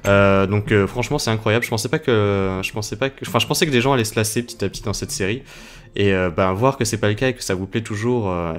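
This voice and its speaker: A young French man casually commenting on his game for viewers, playful and chatty, with game music behind him. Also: lowish voice. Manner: chatty, playful, talking to viewers while playing. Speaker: gaming video host. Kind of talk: casual Let's Play commentary.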